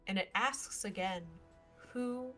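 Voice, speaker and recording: A woman narrating a tabletop role-playing game as game master, in halting, suspenseful storytelling. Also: mid-range voice, a bit bright. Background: faint music.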